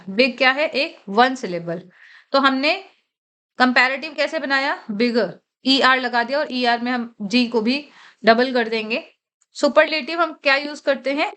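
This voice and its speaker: A woman with a high voice gives an exam-prep grammar lecture. She reads each rule out slowly and then explains it in a steady classroom manner, pausing to ask "okay?". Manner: reads English rules slowly, then explains in Hindi with frequent "okay?" checks. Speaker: English grammar teacher.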